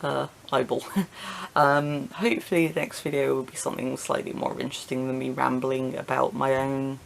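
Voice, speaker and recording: Young woman vlogger, low gravelly voice, hesitant ramble full of ums, light hiss behind. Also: level tone, normal speed. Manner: self-deprecating, chuckling now and then. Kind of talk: rambling casual chat to camera. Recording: faint hiss.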